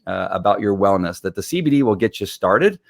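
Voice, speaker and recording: Low-voiced enthusiastic man, rambling. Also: big pitch swings, fairly quick, creaky, no room sound, studio quality. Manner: rambling, enthusiastic, many fillers. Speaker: guest. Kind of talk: casual interview chat.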